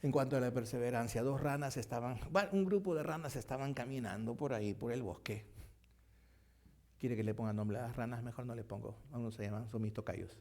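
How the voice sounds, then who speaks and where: A man preaching a sermon as pastor, emphatic and repetitive, swinging from loud declarations to hushed phrases. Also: mid-range voice, a little fast.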